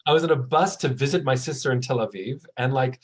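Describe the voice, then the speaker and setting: A rabbi and author in his forties talks in a conversational interview, his mid-range voice quick. He tells warm stories, acting out the people he quotes.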